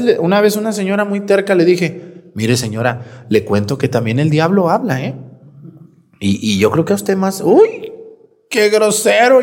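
A man's voice: on the high side, darkish tone. A priest preaching a Sunday sermon, scolding and teasing his congregation, acting out sarcastic quotes. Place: church. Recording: long church reverb.

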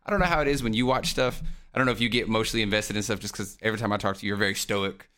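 A man's voice: lowish voice, fairly even intonation, rapid-fire, sharp tone. A man co-hosting a podcast, chatting casually, swearing freely and laughing often. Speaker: podcast co-host.

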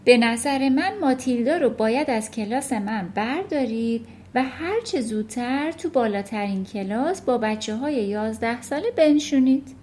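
A woman reading a children's audiobook, voicing a gentle young schoolteacher who pleads politely. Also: fairly high pitch, lively intonation, hardly any pauses, a little hiss or hum, lightly acted. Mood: polite pleading.

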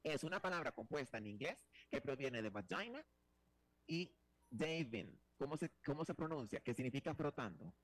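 A man's voice: mid-range voice, sing-song, moderate pace, a bit bright, no echo. A male talk-show host with a flamboyant, teasing delivery. He rambles through his points with frequent restarts and playful asides. His voice sits mid-range, captured dry and close.

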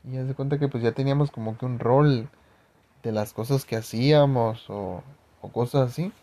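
His voice is warm and medium-pitched, and he talks at a normal speed. A young man with a Mexican accent, he tells a personal anecdote loosely and casually, with lots of slang and swearing.

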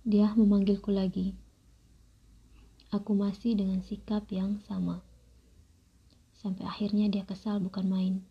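A young woman telling a first-person story in a soft, calm, measured, near-whispered voice. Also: medium pitch. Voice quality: breathy, husky. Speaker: narrator. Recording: dull lo-fi recording.

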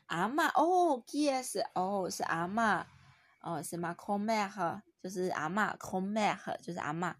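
A young Taiwanese-Mandarin-accented mother records herself at home teaching French words to her toddler, patiently and with playful encouragement. Her mid-range voice is expressive and unhurried, with no echo.

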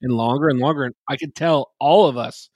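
A man's voice: mid-range voice, a little fast, darkish tone, no echo, muffled recording. Wry man telling a story in chat. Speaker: podcast co-host. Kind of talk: casual chat.

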